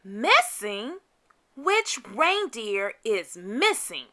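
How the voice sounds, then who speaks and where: A woman voicing a jolly old male Santa Claus in a hearty, booming manner for a children's storybook. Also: big pitch swings, drawn-out words, bright, forceful tone, full character voice. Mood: puzzled.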